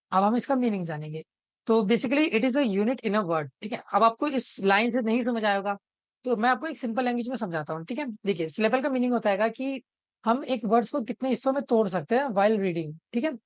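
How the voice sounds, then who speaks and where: A man's voice: sits high, no echo, studio quality. A man teaching an exam-prep video lesson, explaining step by step and checking in with the viewer after almost every phrase. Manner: explains step by step and repeats words slowly, breaking them into parts. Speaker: tutor.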